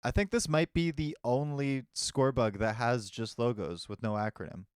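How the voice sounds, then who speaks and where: A man's voice: medium pitch, moderate pace, smooth, dry recording, studio quality. Enthusiastic man with strong opinions. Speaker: podcast co-host. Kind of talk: casual chat.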